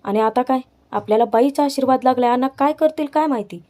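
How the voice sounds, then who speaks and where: A woman's voice: high voice, quick pace, mellow, lightly acted. Woman reading as an irritable young villager. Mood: exasperated. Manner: exasperated. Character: irritable young village man, easily annoyed.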